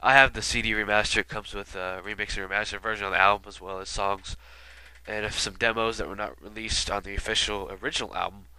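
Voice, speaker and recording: A fast-talking video commentator with a stuffy nose from being sick rambles through a casual album retrospective, full of fillers and asides. His lowish voice holds a steady tone, sharp yet clear and resonant. The recording is dry and rough.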